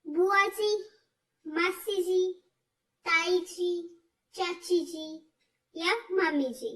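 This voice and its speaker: A woman teaching word lists, slowly repeating each word with stress. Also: very high voice, a bit bright. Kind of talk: explaining vocabulary, slow and repetitive. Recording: voice from far off the mic.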